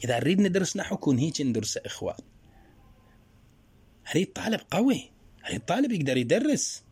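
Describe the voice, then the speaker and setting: A man teaching a grammar lesson. He explains slowly through worked examples and asks his students rhetorical questions. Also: on the high side, big pitch swings, a little mellow, slightly rough. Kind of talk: spoken Arabic grammar lesson.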